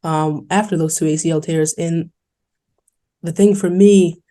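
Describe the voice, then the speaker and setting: Young woman, from New York City, earnest and candid, even pitch, warm mellow tone, interview guest. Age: young adult. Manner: earnest, fast-flowing, quoting others in lively voices. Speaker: college basketball player, podcast guest.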